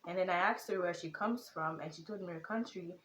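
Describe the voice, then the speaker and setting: In this relaxed vlog, a teenage girl who makes content addresses the camera in a Nigerian accent with traces of British and American. She pitches her voice on the low side for a girl and delivers things earnestly and animatedly, at a slightly quick pace. There's an echo in the room and a faint hiss or hum.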